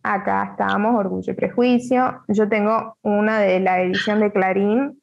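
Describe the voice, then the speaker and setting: A woman's voice: medium pitch, fairly even intonation, moderate pace, gravelly, dull audio. A woman with a Rioplatense Argentine accent hosts an online book club in a chatty, playful way, full of asides and restarts, over a video call.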